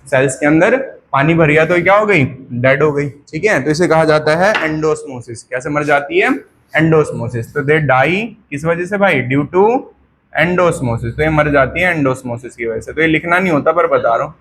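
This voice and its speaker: During a classroom lecture, a biology teacher with a fairly high, fairly bright voice speaks loudly to his students. He repeats questions and answers as drills and slows down to dictate notes, with faint noise in the background.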